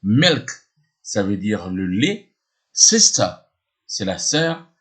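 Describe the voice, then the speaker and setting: A man gives a slow, patient lesson in a somewhat low voice. He hesitates often, repeats himself and spells words letter by letter as he explains each sound. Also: expressive. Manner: often hesitates with drawn-out fillers. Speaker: English teacher.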